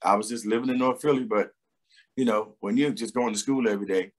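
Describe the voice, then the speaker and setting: On the low side, the voice belongs to a middle-aged man with a Philadelphia accent, a singer guesting on a casual video-call interview. He rambles in a relaxed way, pausing, hesitating and restarting often, heard through a webcam in a room at home with a door behind.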